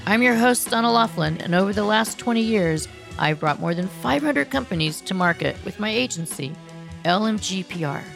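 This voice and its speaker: A woman's voice: medium pitch, expressive, normal speed, creaky, music in the background. A middle-aged woman hosting a podcast, reading a polished, upbeat intro and interviewing a guest. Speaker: podcast host.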